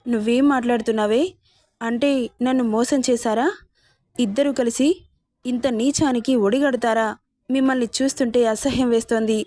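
A woman's voice: on the high side, fairly even intonation, normal speed, pauses often, warm tone, dry recording, clean studio sound, close to an everyday voice. A woman voicing a young woman betrayed by her sister and brother-in-law, speaking in a pleading, outraged way. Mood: distressed.

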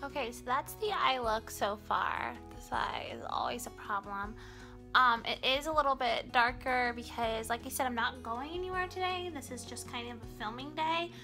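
A young adult woman, a beauty vlogger, chats casually while doing her makeup in a small bedroom, her slightly high voice pushed and bright at a moderate pace. She's sick with a cold that makes her a bit nasal, and she rambles with plenty of ums and likes. The camera sits in front of her in close framing, with soft music playing in the background.

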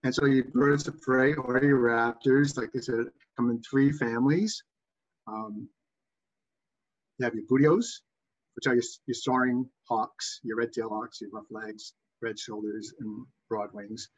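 A man with a Boston accent teaches in an informal lecture style. His mid-pitched voice is somewhat husky, and he often pauses and doubles back. The audio is dull and muffled, like a webcam microphone. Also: fairly even intonation. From Massachusetts, USA. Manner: halting, backtracking delivery. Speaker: bird identification instructor.

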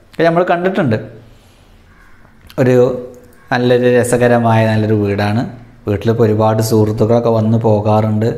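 A man's voice: medium pitch, reverberant. A man, telling a story as a lesson for young children and often asking them questions. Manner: animated, asks children questions, rising voice for emphasis. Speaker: Arabic teacher for young children.

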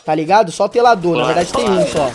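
A man's voice: high-pitched, fast talker, noisy background. A young man, streaming a mobile game and chatting with viewers in a playful, slangy, joking way. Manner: slangy, playful, jokey banter with chat. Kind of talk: casual gaming livestream chat.

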